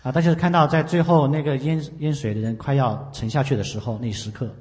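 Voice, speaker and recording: A man interpreting a sermon live, talking quickly with frequent "ah" fillers. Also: mid-range voice, steady tone, a little mellow. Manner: rapid, with frequent "ah" fillers and restarts. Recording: echoey hall with long reverb.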